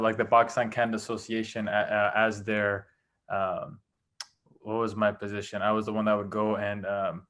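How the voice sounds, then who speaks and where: A man with a lowish voice talks casually over a video call. He rambles, trails off and restarts often. He is a guest on a roundtable chat. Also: fairly bright tone. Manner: loose, rambling, with many fillers and restarts. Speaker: guest, film producer.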